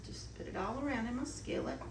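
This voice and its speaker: A woman's voice: a little high, very animated, fairly quick, gravelly. Chatty woman cooking at the stove. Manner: chatty, homey, talks while cooking. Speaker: cooking show host. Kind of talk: casual cooking demonstration. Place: home kitchen. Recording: roomy kitchen, mic at a distance, sizzle noise. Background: frying and sizzling pan.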